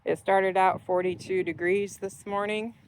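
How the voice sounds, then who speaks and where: Working in a dusty rural barn, this middle-aged vlog host keeps up cheerful, chatty narration for her viewers, sounding stuffed-up and nasal from the dust. Her mid-range voice holds a steady tone at normal speed and has a slightly mellow quality.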